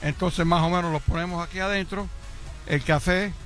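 A man's voice: high-pitched, steady tone, moderate pace, fairly bright tone, soft background music. An older man with a Cuban accent, chatting casually in a street interview and rambling a bit. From Cuba. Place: outdoors on a street.

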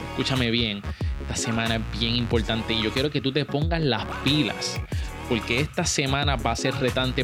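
A man hosting his own business podcast, talking straight to the listener with a pushy, motivational push and English words mixed in. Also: mid-range voice. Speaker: podcast host. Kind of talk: energetic motivational podcast talk.

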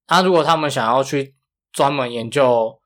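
A man's voice: mid-range voice, normal speed. Man with a strong Taiwanese Mandarin accent. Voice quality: flat, non-retroflex consonants. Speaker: podcast co-host. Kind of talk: casual chat.

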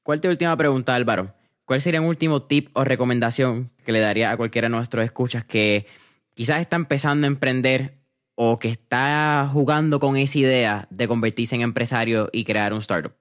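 A man's voice: mid-range voice, fairly quick. A man hosting an interview podcast, chatting casually and dropping English words into his speech. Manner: relaxed, mixes English words into Spanish. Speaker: podcast host interviewing an entrepreneur.

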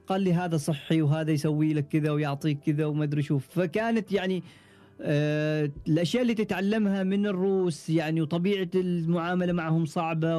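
A young man with an Omani Arabic accent, speaking fast in a slightly raised pitch. His tone is warm and mellow as he relaxes into casual storytelling, often trailing off and restarting his thoughts. Faint music sits quietly behind his voice. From Oman. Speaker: podcast guest, ship engineer. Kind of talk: casual interview chat.

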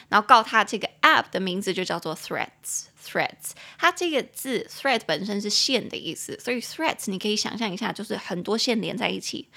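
A woman's voice: medium pitch, gravelly, sharp tone. A young woman, chatting animatedly as the host of a podcast English lesson.

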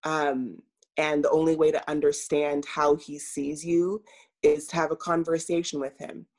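Woman, coach, interview guest, slow unhurried delivery, earnest, frequent pauses. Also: deep voice, flat delivery, a little mellow. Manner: measured and earnest, with many pauses and fillers. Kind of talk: reflective interview talk.

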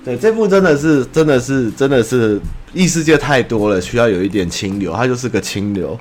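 Man, young adult, casual podcast chat, very animated pitch, blunt, swears. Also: brisk, faint music behind. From Taiwan. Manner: rambling, blunt, swears, mocking voices. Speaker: podcast host. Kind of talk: casual chat about anime.

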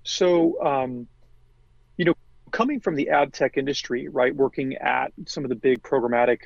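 A man's voice: medium pitch, moderate pace, creaky, no room sound, dull audio. A man being interviewed as a marketing executive, talking in a conversational way with many fillers and restarts.

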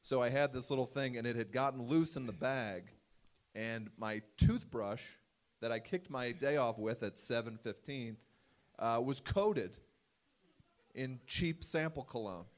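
A man's voice: mid-range voice, unhurried. Dry-witted man co-hosting live. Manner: dry, self-deprecating humor. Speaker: podcast co-host. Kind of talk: live podcast banter to an audience.

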